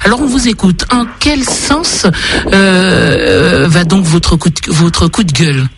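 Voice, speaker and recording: A woman from Guadeloupe hosting a radio call-in show, introducing topics in a measured way with some hesitations. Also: fairly low pitch, background noise. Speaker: radio host. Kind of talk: radio interview.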